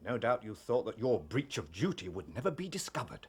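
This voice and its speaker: An actor playing a blustering, self-important police inspector in a period drama, pompous and barking. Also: male voice, medium pitch, sing-song, a little fast, husky, exaggerated voice. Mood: pompous, stern. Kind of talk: period detective drama acting.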